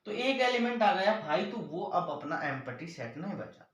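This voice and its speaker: A man's voice: high voice, normal speed, distant mic, heavy background noise. A male maths teacher giving a classroom lesson, explaining step by step and often calling on the children. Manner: lively, addresses the children again and again, explains step by step. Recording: very echoey room, voice from off the mic.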